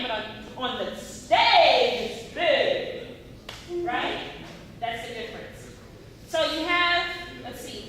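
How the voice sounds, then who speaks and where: A woman teaching an acting workshop, lively and questioning her class as she explains. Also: high voice. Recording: echoey room, far from the mic, noisy.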